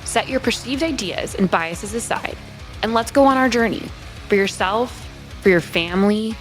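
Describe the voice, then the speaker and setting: A woman's voice: mid-range voice, moderate pace, soft background music. A woman reading a polished, scripted introduction for a podcast. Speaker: show intro announcer.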